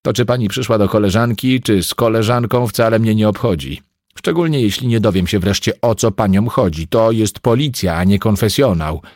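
A man's voice: lowish voice, animated, slow, slightly rough, no room sound, clean studio sound, pitched above the performer's own voice, heavily acted. A man doing a snapping, venomous desk officer woman. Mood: furious.

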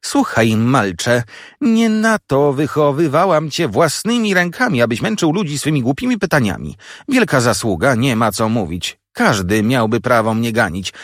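A man voicing a stern, scolding older sister with a sharp, nagging delivery. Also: medium pitch, wildly swooping pitch, very slow, few pauses, slightly rough, no echo, studio quality, voice pushed up, full character voice. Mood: ranting.

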